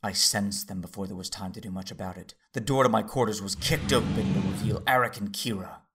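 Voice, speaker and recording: A male actor gives a full character voice as a calm, gentle Jedi master, speaking in first person with composed, measured formality. His lowish voice is husky and gravelly.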